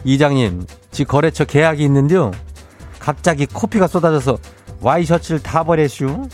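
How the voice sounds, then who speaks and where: Faint music sits behind a fairly high, slightly mellow male voice with lively intonation and a moderate pace, pushed up and lightly acted. He voices a rustic village headman with a Chungcheong Korean accent, chatty and folksy, rambling and repeating himself while making announcements for a comic radio sketch.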